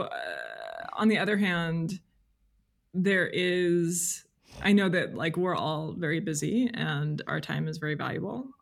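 Her voice is deep and gravelly. She is a freelance journalist being interviewed on a podcast, and in the casual back-and-forth she gropes thoughtfully, hesitantly toward her point.

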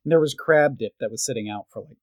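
A man's voice: mid-range voice, dry recording. A man co-hosting a podcast, chatting casually and often asking questions and cracking jokes. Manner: chatty, quick to ask questions and joke. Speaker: podcast co-host. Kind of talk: casual chat.

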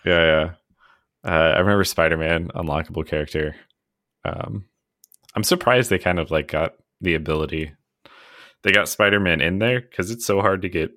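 A man's voice: sits low, a little fast, pauses often, fairly bright tone, no room sound, studio quality. A man co-hosting a podcast, chatting casually in a self-deprecating way and laughing often. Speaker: podcast co-host. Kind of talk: casual chat.

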